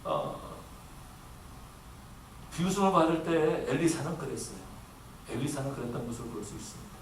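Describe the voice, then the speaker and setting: Echoey preaching man, slightly high voice. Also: expressive, brisk, a little hiss or hum. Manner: earnest preaching, acting out quoted voices. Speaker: pastor. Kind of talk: sermon. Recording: echoey room from a distance with faint ambience.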